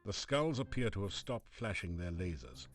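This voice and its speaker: Grand, wry fantasy game narrator: lowish, theatrical, very varied pitch, clear music behind. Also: male voice, sing-song. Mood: dramatic. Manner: theatrical, measured storytelling. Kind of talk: scripted second-person game narration.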